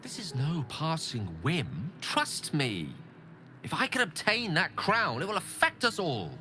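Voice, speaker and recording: In this dramatic bit of video game dialogue, a man voices an eloquent, ambitious, embittered wizard companion who pleads his case with earnest, persuasive, theatrical and formal delivery. His exaggerated voice is fairly high with huge pitch swings, a measured pace and a sharp tone. Background music plays, with slight background noise.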